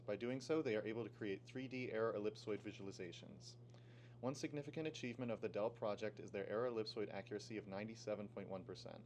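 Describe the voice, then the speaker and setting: A teenage boy from Pennsylvania reading a scripted project presentation in a steady, explaining way. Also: fairly low pitch, slight background noise. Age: teens. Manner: steady, read-aloud explaining. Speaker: student presenter.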